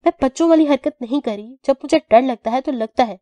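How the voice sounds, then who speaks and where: A brave yet childish young heroine who whines and pleads, her voice pushed up high, as a woman reading an audio novel puts her on. The tone stays warm and soft-edged. The reading sounds close and dry. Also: no room sound, lo-fi sound, natural voice. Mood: sulky. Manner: whiny, pleading, raised and pitched up. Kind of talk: audio novel character voicing.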